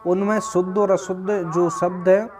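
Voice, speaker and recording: Guy teaching grammar for exams, bit high voice, slows down on the key words. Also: flat delivery, over music. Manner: explanatory, slows to stress words. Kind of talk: exam-prep lesson.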